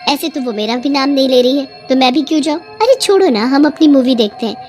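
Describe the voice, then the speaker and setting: A woman voicing a lazy, fashionable young daughter-in-law who is rude and dismissive in an animated story, with faint music behind. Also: sits high, voice pushed up. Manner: quick, dismissive and bratty.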